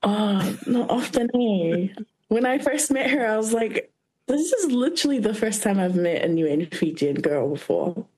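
A young woman from New Zealand with a New Zealand accent, a musician guest chatting casually and brightly, with youthful slang. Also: medium pitch, expressive, unhurried, slightly rough, poor audio. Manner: bubbly and laughing, youthful slang. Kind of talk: casual interview chat.

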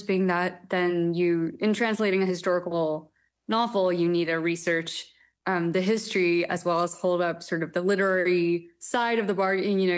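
A young woman from Taiwan, a literary translator, answering interview questions thoughtfully with frequent hesitant pauses and fillers. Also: medium pitch. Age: young adult.

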